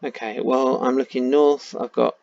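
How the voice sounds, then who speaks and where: Tired, gravelly man muttering over a game. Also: mid-range voice, fairly even intonation, normal speed, darkish tone, no echo. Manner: muttering, thinking aloud while searching a map. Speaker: game streamer. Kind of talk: casual gameplay commentary. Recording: dull lo-fi sound.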